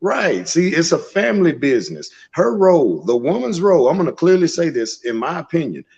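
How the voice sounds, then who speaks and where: A husky man lays out his views in an emphatic, preachy way. The recording is dull and lo-fi. He often acts out little scenes to drive his point home. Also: fairly high pitch, sing-song, brisk, a little mellow. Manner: preachy, emphatic, tells short acted-out scenes. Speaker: podcast guest. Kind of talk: opinionated conversational commentary. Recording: dull lo-fi podcast audio.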